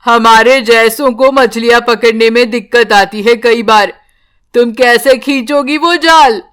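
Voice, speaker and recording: A woman voicing a village fisherman who talks loudly and teases. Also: on the high side, measured pace. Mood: mocking. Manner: loud, teasing, laughing. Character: grown village fisherman, mocking and loud.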